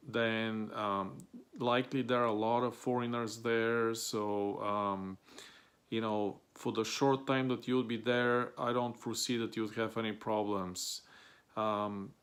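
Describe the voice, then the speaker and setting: A man from Bulgaria giving a casual travel review, talking haltingly with many pauses and fillers. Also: medium pitch, smooth. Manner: halting, many ums and restarts. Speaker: vlogger.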